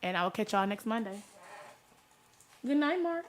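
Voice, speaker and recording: Speaking directly to her listeners, a Detroit talk show host with a Detroit accent keeps the chat informal and conversational. Her voice is medium-pitched with lively intonation at normal speed, and faint background noise can be heard.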